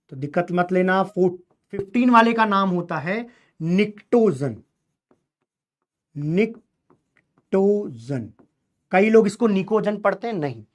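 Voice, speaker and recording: A male chemistry teacher with a high-sitting voice lectures his class, drilling students through call-and-response questions. His manner is colloquial and teasing.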